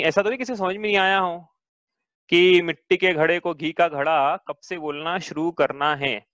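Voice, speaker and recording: A man's voice: a little high, a bit bright, no echo. Man teaching scripture, dry, dull sound. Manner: thinks aloud, asks rhetorical questions, frequent restarts. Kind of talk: explanatory scripture lesson.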